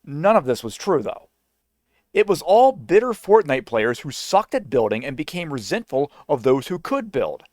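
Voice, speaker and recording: Man, argumentative reaction commentary, lively high voice, dry close sound. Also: moderate pace, no echo. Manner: indignant, argumentative, mocks in a sing-song voice.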